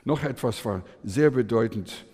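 A man's voice: a little slow, slightly rough. Older man preaching in a reverberant hall. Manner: animated storytelling with lively swings in pitch and loudness; hesitant, with frequent fillers and restarts. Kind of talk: sermon.

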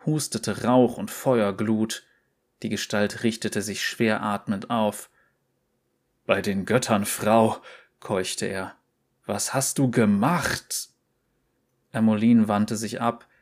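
A man narrating a short story in a slow, deliberate, measured reading. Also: lowish voice.

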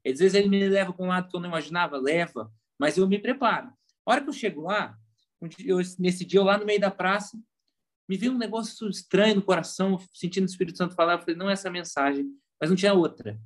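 A man with a Brazilian Portuguese accent, a pastor chatting casually on a podcast and telling lively stories. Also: high-pitched, fast talker. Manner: animated storyteller, acts out quoted voices.

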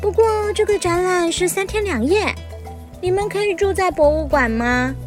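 Woman playing a high-voiced, chatty big sister. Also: moderate pace, faint music behind. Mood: relieved, friendly. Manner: chatty, expressive, sentence-final particles. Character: friendly, busy big sister running a museum exhibition. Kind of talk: children's audio story character acting.

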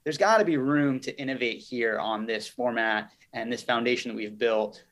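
A company chief executive, appearing as a podcast guest, answers interview questions conversationally, explaining and recounting things articulately. His voice is medium in pitch, slightly bright, and at normal speed.

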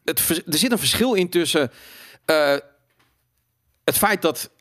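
A man's voice: on the high side, expressive, a little slow, a bit bright. A man in casual podcast talk who rambles, repeats his first words and swears freely. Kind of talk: casual chat.

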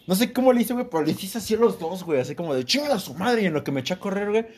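Young Mexican guy, podcast host, rapid slangy storytelling, slightly high voice, lots of swearing. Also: lively intonation, a little mellow. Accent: Mexican Spanish. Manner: slangy, swears a lot, laughs often. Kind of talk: casual storytelling chat.

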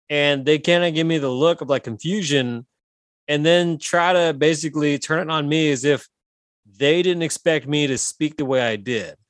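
A man's voice: on the high side, a bit bright, dry recording, clean studio sound. A man co-hosting a casual podcast, telling stories loosely and swearing freely. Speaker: podcast co-host and improv comedian.

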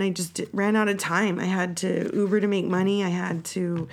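This woman hosts a casual solo podcast chat, sounding sick, raspy and hoarser than usual. Her voice sits at a medium pitch, and she rambles profanely with lots of fillers.

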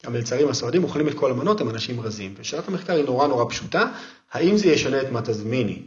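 A man's voice: reverberant, dull audio. A man as a podcast guest giving parenting advice through vivid, emphatic anecdotes. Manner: animated storyteller, emphatic, lively pitch swings.

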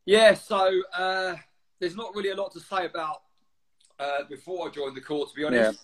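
A man's voice: sits high, steady tone, moderate pace, low-quality recording. A man in his forties with an Essex accent, telling anecdotes in casual interview chat with informal, slangy, blokey speech. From Essex, England. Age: 40s. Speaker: guest, former military serviceman.

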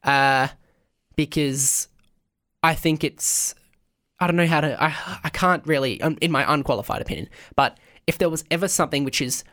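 A man co-hosting a radio show in casual chat, often halting and searching for words. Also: a little high, sharp tone. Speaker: radio co-host.

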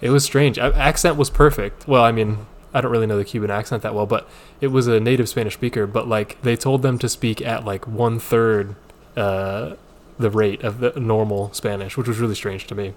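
A man's voice: fairly low pitch, fairly even intonation, a little fast. A man co-hosting a casual movie-review chat, easygoing and analytical, joking lightly as he picks apart details. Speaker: podcast co-host.

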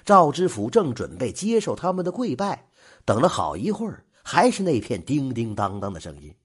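A man narrating a folk tale in an animated storytelling manner, stretching the ends of phrases. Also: mid-range voice, slightly rough. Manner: animated, drawn-out particles.

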